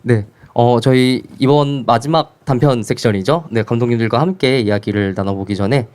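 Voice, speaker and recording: A man's voice: mid-range voice, normal speed, a little mellow. A young man moderating a festival Q&A with directors, speaking formally and politely with frequent filler words. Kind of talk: formal hosted Q&A.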